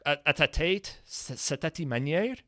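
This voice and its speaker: A man's voice: on the high side, expressive, bright, forceful tone, dry recording. Acadian male podcast host, hesitant delivery, dry close recording. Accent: Acadian French. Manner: hesitant, halting, with many restarts. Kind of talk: casual chat.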